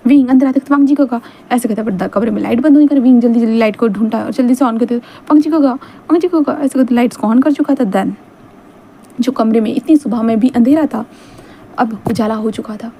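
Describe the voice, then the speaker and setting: High-voiced chatty woman telling a story. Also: quick pace, mellow, slightly rough. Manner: chatty, filler-laden narration mixing in English words. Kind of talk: casual fan fiction storytelling.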